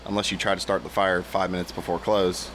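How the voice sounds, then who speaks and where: A man with a lowish voice speaks in a laid-back, soft-spoken way as a podcast co-host. He mostly chimes in with short remarks. Faint background noise sits under his voice. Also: flat delivery, fairly quick. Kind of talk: casual chat.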